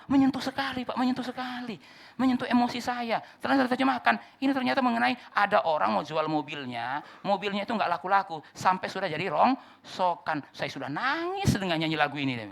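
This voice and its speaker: A male pastor preaching a sermon with animated delivery, shouting key words and dropping to quiet asides, acting out the voices of churchgoers. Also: fairly high pitch, creaky. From Indonesia. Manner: acts out congregants' voices.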